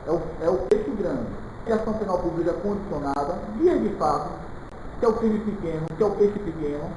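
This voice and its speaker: In a very echoey room with clear background noise, a high-voiced teacher from Salvador, Brazil, delivers an informal live criminal law lecture for public exam candidates. He talks a little fast with lively intonation, teaching didactically, often checking in with listeners and dropping colloquial asides.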